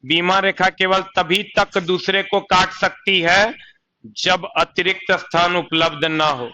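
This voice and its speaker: A man's voice: high voice, fairly even intonation, unhurried, sharp tone, muffled recording. A young man teaching a coaching class, chatty, often asking his students rhetorical questions and slipping into local dialect. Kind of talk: live online exam-coaching lecture.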